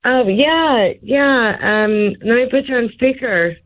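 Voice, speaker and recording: A woman calling into a radio show on speakerphone, a halting, gushing fan. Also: fairly high pitch. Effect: phone call on speakerphone. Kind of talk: casual phone chat. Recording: tinny phone line on speaker.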